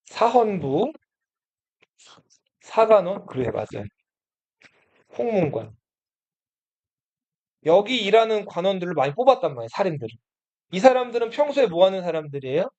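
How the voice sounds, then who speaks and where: Male history teacher, high and animated. Lectures casually and bluntly, and quizzes the class before answering himself. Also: moderate pace, long pauses, muffled recording. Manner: asks the class questions and answers them himself.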